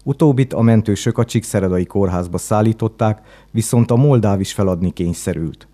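Low mellow male news narrator.

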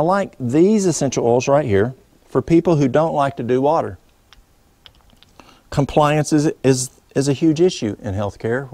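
A middle-aged man with a drawl talks in a homespun, rambling way, full of fillers and restarts. His voice is gravelly and mid-pitched. The sound is close and dry. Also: dark tone, dry recording. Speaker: herbalist speaking to a group. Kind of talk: folksy storytelling talk.

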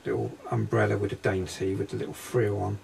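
A man working as a psychic medium, describing impressions in a halting, hesitant way inside a railway carriage during a paranormal investigation. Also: lowish voice, little pitch movement, gravelly, darkish tone, a little hiss or hum.

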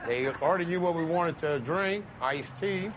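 In an interview, a man from Louisiana with a Southern drawl tells a story slowly and in careful order, his voice sitting quite high. He's outdoors by a roadside, with faint traffic in the background and dull, lo-fi sound.

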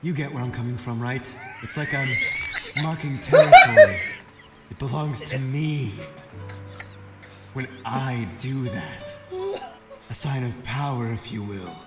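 A man's voice: mid-range voice, wildly swooping pitch, measured pace, pauses often. A man voicing a brooding, crude, self-important hedgehog antihero with grandiose earnestness in an improvised comedy game fandub. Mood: smug, grandiose. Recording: echoey voice under loud music.

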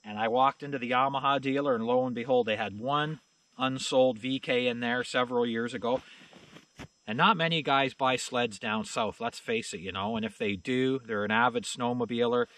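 In a snowy yard outdoors, a middle-aged channel host gives a casual, rambling walkaround of his snowmobiles. His medium-pitched, slightly bright voice moves at normal speed with fairly even intonation, folksy and plain-spoken, full of "you know" and "uh." The recording quality is low.

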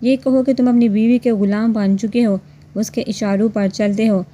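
A woman's voice: medium pitch, fairly even intonation, normal speed, warm tone, close to an everyday voice. A woman voicing a jealous, spoiled young woman in a spoken romance storybook, haughty and scolding. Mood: angry, sulky.

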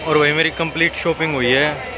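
A man's voice: on the high side, fairly even intonation, a little fast, lo-fi sound. A young man chatting to viewers while he walks through a busy outdoor market, camera at arm's length. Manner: chatty, addresses viewers as brother. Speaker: vlogger. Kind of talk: casual walking vlog. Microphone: camera held at arm's length. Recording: crowded street noise. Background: crowd chatter.

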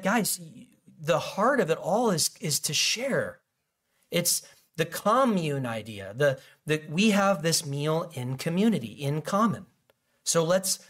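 A man's voice: on the high side, fairly bright tone. Casual, joking male pastor preaching. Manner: conversational, jokey preaching with frequent asides. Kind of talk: sermon.

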